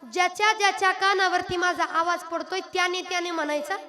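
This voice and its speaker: A woman kirtan preacher, leading a devotional sermon and teasingly coaxing the audience to chant louder into a PA microphone. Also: extremely high pitch, flat delivery, brisk. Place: live religious gathering with audience. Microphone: microphone through a PA system. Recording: live crowd behind. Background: audience responding and chanting.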